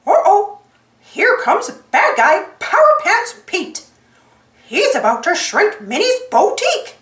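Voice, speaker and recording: A woman plays a cheerful little cartoon mouse hero, very high and eager. He exclaims his way through a storybook adventure with wildly swinging pitch, in a roomy echo. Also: huge pitch swings, slow pace, fairly bright tone, full character voice. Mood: excited.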